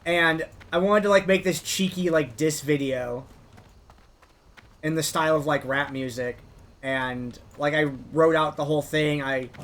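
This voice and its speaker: A gamer narrates his own playthrough, spinning long, rambling stories packed with "like" as filler. His voice is a bit bright, which he himself calls higher than a deep bass beat, with slight background noise.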